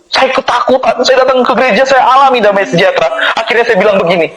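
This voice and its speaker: High-voiced man giving an impassioned testimony. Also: fairly even intonation, fast talker, crowd noise, low-quality recording. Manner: emphatic, repeats phrases for stress.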